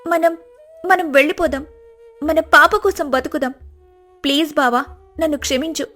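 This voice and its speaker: A woman voicing a desperate young pregnant wife in an animated storybook, pleading through tears. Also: high voice, normal speed, soft background music, voice pushed up. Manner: tearful, pleading.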